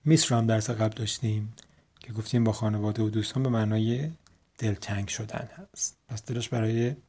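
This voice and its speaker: A man whose first language is Persian, teaching English by slowly reading English sentences, spelling words letter by letter and explaining them. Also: on the low side, a little mellow, breathy edge. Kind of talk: explaining an English text line by line.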